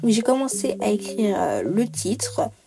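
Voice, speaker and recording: A woman's voice: medium pitch, very animated, a little slow, gravelly. A woman giving a chatty craft tutorial voice-over, explaining each step with frequent hesitations. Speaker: bullet journal creator.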